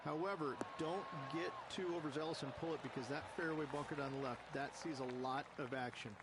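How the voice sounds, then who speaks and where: A man with a fairly high voice gives explanatory golf commentary as a course analyst. It is video game broadcast narration with heavy ambient noise behind it. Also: a little fast.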